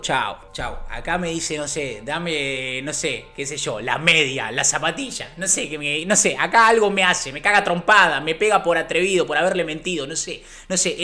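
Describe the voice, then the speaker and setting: Animated Argentine man telling a story. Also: a little high. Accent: Rioplatense Spanish. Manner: animated, acts out voices, swings loud to hushed. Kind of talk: comic anecdote.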